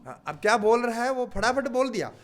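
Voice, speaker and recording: An older man teaching yoga philosophy, explaining patiently with everyday examples and pausing on drawn-out fillers. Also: very high-pitched, expressive, fairly bright tone. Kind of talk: spiritual teaching talk.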